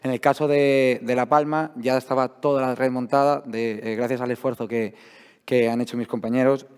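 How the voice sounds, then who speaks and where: A man's voice: medium pitch, steady tone, normal speed, a little mellow, clean tone. A man giving an informal, explanatory science talk to an audience, his voice worn out and giving out. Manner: colloquial, explanatory. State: hoarse, voice giving out after a night out. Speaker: seismologist, guest speaker. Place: public talk in a large hall. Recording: echoey hall, long reverb.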